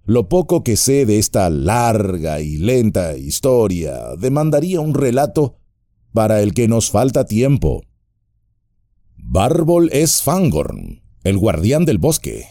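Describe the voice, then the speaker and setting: A man voicing an old, wise and wry male wizard in an audiobook, speaking in a measured, gently humorous way. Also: lowish voice, very animated, no echo, studio quality, pitched above the performer's own voice, exaggerated voice. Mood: wry calm.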